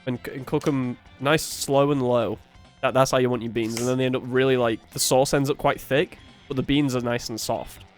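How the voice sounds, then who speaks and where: A man co-hosting a casual game playthrough, telling stories in an animated way, swearing, laughing and often tripping over his words. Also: mid-range voice, a little fast, faint music behind. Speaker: co-host of a gaming playthrough. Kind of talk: casual chat over gameplay.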